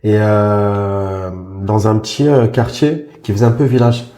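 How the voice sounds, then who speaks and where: In a roomy-sounding recording with faint music behind him, a Congolese man in his forties talks about his life on a podcast. His voice is fairly low, dark, and a little slow, and his casual, informal speech is hesitant, full of fillers and restarts.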